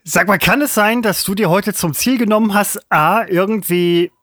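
A man with a high-pitched voice bickers in a casual podcast, sounding indignant and flustered as he keeps protesting and breaking off his sentences. His voice sounds dry and close. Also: normal speed, a bit bright, no echo. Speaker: podcast co-host.

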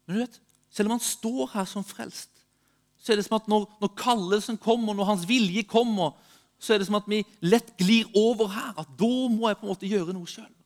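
High-voiced man preaching. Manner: dynamic, swings from urgent to hushed and slow. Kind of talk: sermon with personal testimony.

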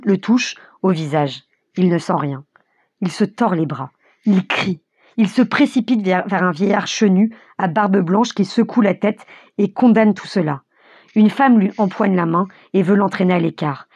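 A woman narrating a novel aloud as an audiobook, with vivid, expressive storytelling and a husky voice. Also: on the low side, no echo.

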